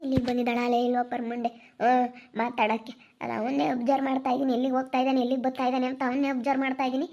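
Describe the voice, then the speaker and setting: High-voiced young Karnataka woman, pleading. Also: level tone, racing, darkish tone. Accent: central Karnataka Kannada. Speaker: vlogger. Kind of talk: emotional couple conversation. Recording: dull lo-fi recording.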